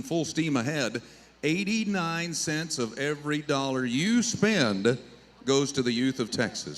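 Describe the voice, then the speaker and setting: A man's voice: a little high, fairly bright tone. A man announcing a rodeo, giving live commentary to the arena over a PA. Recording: arena PA with faint background noise.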